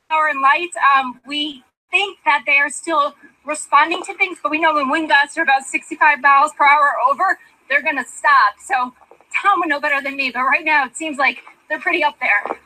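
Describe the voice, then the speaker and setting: A woman's voice: high-pitched, steady tone, normal speed, pushed and bright, rough recording. A woman news reporter giving an unscripted live storm update.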